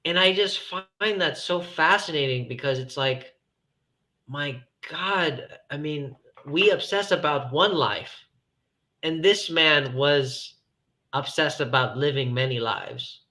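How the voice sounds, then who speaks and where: A man's voice: on the high side, slow, pushed and bright. A man talking personally and reflectively in casual conversation, earnest and emphatic, often repeating phrases.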